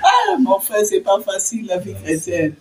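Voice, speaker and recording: Older woman, animated testimony storyteller, whispers and laughs, distant mic, faint room noise. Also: medium pitch, moderate pace. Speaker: testimony speaker. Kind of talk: telling a personal faith story.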